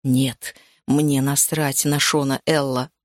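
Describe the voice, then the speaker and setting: A woman reading an audiobook voices a remorseful young man who speaks low, slowly and softly as he apologizes. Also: level tone, no room sound, studio quality. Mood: remorseful, soothing. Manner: low, slow, murmured apologies.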